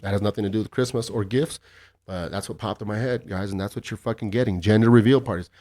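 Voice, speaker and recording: Male podcast host, lowish voice, profane and sarcastic, loose rambling monologue. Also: fast, dark tone. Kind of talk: casual solo podcast monologue.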